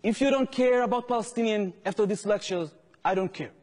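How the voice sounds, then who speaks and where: A man's voice: high-pitched, fairly quick, a little mellow, big-room sound. A man with an Israeli accent giving a public lecture as an activist, telling a story earnestly and growing impassioned.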